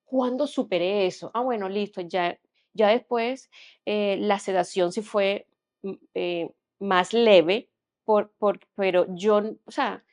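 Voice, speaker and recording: A young woman giving an earnest personal testimony as a podcast guest, often dropping to a hushed tone. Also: medium pitch, takes it slowly.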